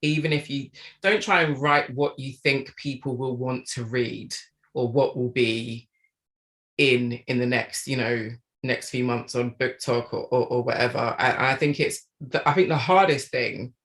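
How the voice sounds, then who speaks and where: A woman's voice: a bass voice, fairly even intonation, measured pace, fairly bright tone. A middle-aged woman, an author chatting reflectively as a guest on a live stream.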